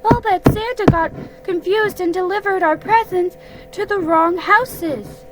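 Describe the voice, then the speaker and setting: A woman voicing a small, timid but excitable young storybook piglet in an eager, squeaky way. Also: unhurried, recorded from a distance, over music, rough recording.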